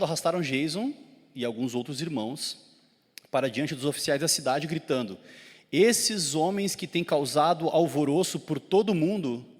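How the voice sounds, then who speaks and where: A male pastor with a southern Brazilian Gaúcho accent delivers a sermon, his mid-pitched voice rising in force at key points and asking his listeners questions. Long reverb trails behind him from a church hall. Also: husky. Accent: Gaúcho Brazilian Portuguese. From southern Brazil (Rio Grande do Sul). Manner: preaching with swells of intensity, asking the congregation questions.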